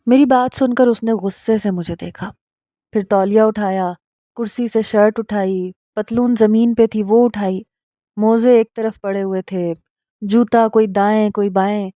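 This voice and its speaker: A woman narrating a romantic story in a steady, plain reading voice. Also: mid-range voice, no room sound, studio quality.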